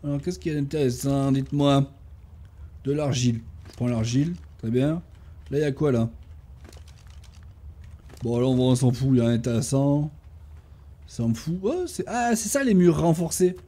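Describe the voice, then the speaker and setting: A man giving casual gameplay commentary, talking to his tamed animals and bursting into excited shouts during fights. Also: a little high, breathy edge. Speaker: gaming YouTuber.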